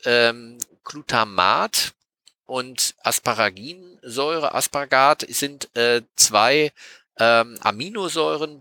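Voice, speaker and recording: Bright-voiced man explaining food science. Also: mid-range voice, dry recording. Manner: explains patiently in a lecturing tone, with frequent 'äh' and 'ähm' hesitations. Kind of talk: casual explanatory podcast talk.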